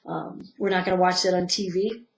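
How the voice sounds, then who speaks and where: Softly guiding woman spiritual teacher. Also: fairly low pitch, fairly even intonation, a little fast, gravelly. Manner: soft-spoken guidance that swells and drops to a hush. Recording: roomy echo.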